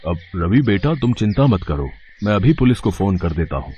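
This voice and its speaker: A man's voice: on the low side, very animated, normal speed, darkish tone, husky, lo-fi sound. Man doing an obliging old village merchant. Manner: polite, obliging. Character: older wealthy male village merchant. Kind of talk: storybook cartoon voice acting.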